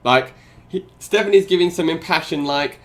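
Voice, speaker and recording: A man's voice: on the high side, normal speed. A man streaming live, reacting to a video with sarcastic commentary, laughing often and talking to his chat.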